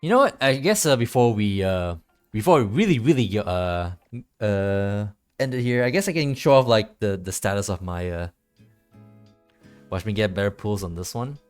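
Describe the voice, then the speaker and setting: This streamer's voice is lowish, clear and resonant, and quite expressive. Over background game music he muses aloud in a stop-start, meandering way, circling back to the same phrases as he plays.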